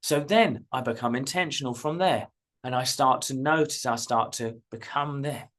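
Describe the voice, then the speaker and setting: A man's voice: medium pitch, normal speed, a bit bright. A middle-aged man hosting his own channel as a spiritual coach, talking earnestly and emphatically, often repeating phrases. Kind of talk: casual direct-to-camera talk.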